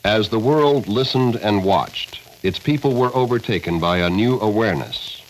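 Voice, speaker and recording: A man with a fairly deep voice narrates a 1960s documentary. He phrases his script solemnly and with portent. The old film soundtrack has faint noise. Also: normal speed, poor audio.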